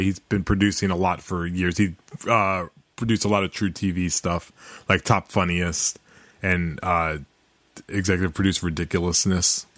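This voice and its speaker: A man hosting a podcast, chatting casually and quickly, with lots of "uh"s and laughs. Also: deep voice, fairly bright tone, dry recording. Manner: rapid, filler-heavy, laughs between remarks. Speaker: podcast host.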